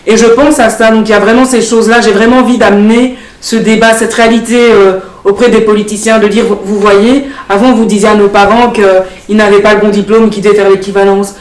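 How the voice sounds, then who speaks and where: A young woman, an election candidate speaking earnestly in a TV studio interview, pausing often with fillers. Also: mid-range voice, flat delivery. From Belgium. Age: young adult. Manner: earnest, hesitant, many fillers. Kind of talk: studio talk show interview. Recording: echoey studio, distant mic.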